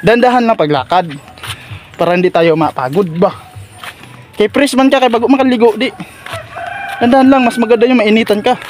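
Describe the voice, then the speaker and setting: A man hosting a casual walking vlog with an Agusan del Sur accent, speaking in a coaxing, repetitive way as he gently encourages his companion outdoors. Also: very high-pitched, brisk, pauses often, soft background music. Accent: Agusan del Sur Filipino. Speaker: vlogger host. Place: outdoors on a street and court.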